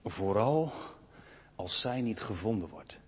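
A young man preaching a sermon to a congregation. He moves from hushed, slow passages to loud, fervent rises. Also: lowish voice, expressive, slight background noise. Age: young adult. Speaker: pastor. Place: church. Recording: long reverb of a church hall.

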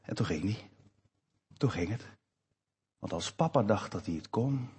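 A man preaching a sermon to his congregation in a church, slow and emphatic with expressive rises. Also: fairly low pitch, slightly rough. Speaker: pastor. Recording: long church reverb.

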